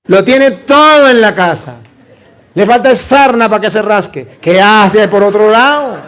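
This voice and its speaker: In an unhurried sermon, a man with a high voice keeps his congregation engaged through rhetorical questions and call-and-response. Playful back-and-forth exchanges, acted out with humor, run through his preaching.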